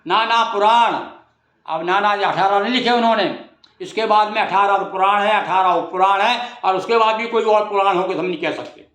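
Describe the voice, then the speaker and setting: A man giving a devotional discourse, explaining verses in plain, conversational words and chanting lines slowly. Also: sits high, fairly bright tone, roomy sound. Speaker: Ramayana storyteller.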